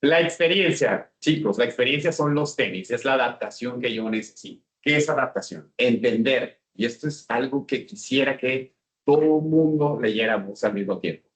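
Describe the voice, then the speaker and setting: Speaking with a Mexican Spanish accent, a man delivers a business seminar talk and keeps the audience engaged by frequently putting questions to them. His voice is medium in pitch, and he talks at a moderate pace.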